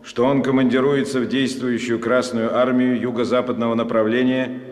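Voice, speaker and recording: An actor playing a stern military official, reading out a document in a formal, impersonal manner. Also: male voice, mid-range voice, flat delivery, moderate pace, darkish tone, close to an everyday voice. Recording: echoey, reverberant hall.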